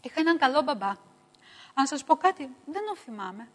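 A middle-aged woman preaching a sermon, emphatic and repetitive, swinging between loud stresses and hushed asides. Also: high-pitched, big pitch swings, long reverb tail.

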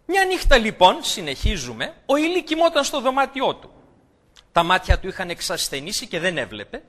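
A man's voice: high voice, wildly swooping pitch, a bit bright. A man preaching a sermon, explaining scripture and asking his listeners rhetorical questions.

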